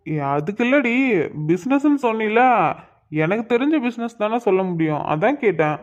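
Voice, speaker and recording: A man's voice: high voice, lively intonation, normal speed. A man voicing a curious young man in a cartoon, asking question after question. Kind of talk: Tamil cartoon voice acting. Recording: dull lo-fi audio.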